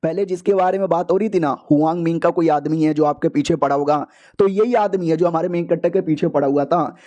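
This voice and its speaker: A man's voice: fairly high pitch, fairly quick, dark tone. A man casually retelling a comic story in a chatty, slangy way, as a recap host. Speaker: manga explainer.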